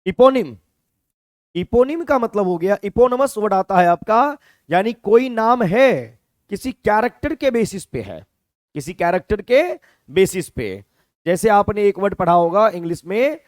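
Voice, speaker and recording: A male teacher with a Hindi accent, explaining words one step at a time and stopping often to ask whether the class has it. His voice sits high and swings widely in pitch. The sound is close and dry. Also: dry recording. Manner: explains step by step, checks with "clear?". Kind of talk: classroom lecture.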